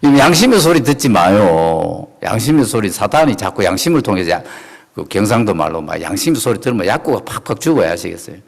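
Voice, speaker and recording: A middle-aged male pastor preaching a sermon, emphatic and animated, often asking the congregation questions and laughing. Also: fairly low pitch, fairly quick, creaky.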